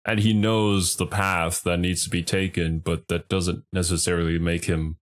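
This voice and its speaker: A man's voice: deep voice, flat delivery, moderate pace. A man streaming casual, off-the-cuff reaction commentary in a conversational, musing manner.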